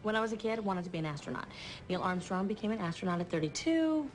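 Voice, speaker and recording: A woman's voice: medium pitch, sing-song, fast talker, a little hiss or hum, close to an everyday voice. An actress playing a sheepish, eager woman in her thirties in a TV comedy-drama, hesitant and self-deprecating. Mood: sheepish, friendly. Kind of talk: naturalistic TV comedy-drama acting.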